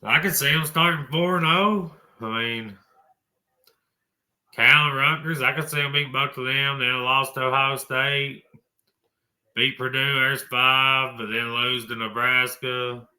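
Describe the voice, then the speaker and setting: A man's voice: medium pitch, fairly even intonation, unhurried, sharp tone. A man hosting a college football talk show, blunt and folksy, tossing in mild swearing. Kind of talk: opinionated sports talk.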